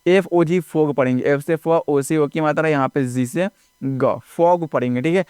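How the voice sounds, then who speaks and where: A man's voice: on the high side, moderate pace, a little mellow, clear, resonant tone, no room sound, clean studio sound. A man teaching English phonics step by step, spelling words out letter by letter and often checking in with "ठीक है ना". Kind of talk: classroom-style phonics lesson.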